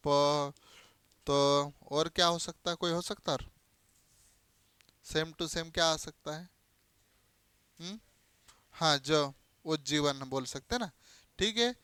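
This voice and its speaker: Posing questions and then answering them himself, this man takes a class through Hindi grammar, repeating key terms and spelling out letters alongside everyday examples. His fairly high voice sounds pushed and bright, clear and resonant, with no echo.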